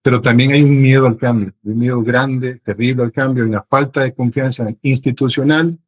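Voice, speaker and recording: A middle-aged man from Honduras, a business strategy consultant answering interview questions thoughtfully, with frequent pauses and restarts. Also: medium pitch, steady tone, rough recording.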